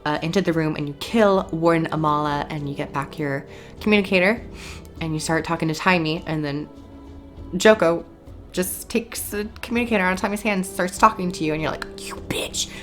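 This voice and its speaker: A woman's voice: low voice, fairly quick, faint music behind. A woman casually and enthusiastically recapping a video game story as a reviewer, rambling a little and sounding tired.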